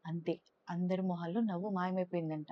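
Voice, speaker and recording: A woman narrating a children's storybook aloud in a lively, expressive way. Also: fairly quick, lo-fi sound. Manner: lively, expressive, raises pitch for characters' lines. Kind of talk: storybook narration with character voices.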